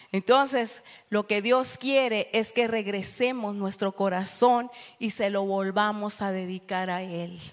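A woman giving a calm, earnest sermon-style teaching in church. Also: medium pitch. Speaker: church speaker.

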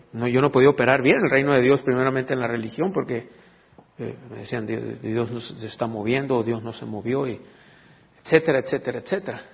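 A man's voice: medium pitch, gravelly, breathy edge. A man preaching a sermon as a pastor, teaching and asking his congregation questions. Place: church hall. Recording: dull recording with long reverb.

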